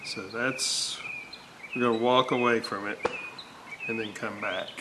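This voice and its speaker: Hesitant and unscripted, a man who restores radios as a hobby talks through a repair for his series in fragmented, thinking-aloud phrases. He speaks in a lowish, fairly even, unhurried voice, picked up by a distant mic in a roomy space with noticeable ambient noise.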